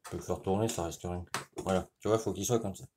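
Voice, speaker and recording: A man's voice: low-pitched, fairly even intonation, background noise. A man with a French accent gives a casual hands-on repair tutorial, talking directly to the viewer and often checking in with "you see" while he works. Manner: informal, speaks directly to the viewer, frequent "tu vois"; explains while working, with pauses and restarts. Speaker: motorcycle mechanic.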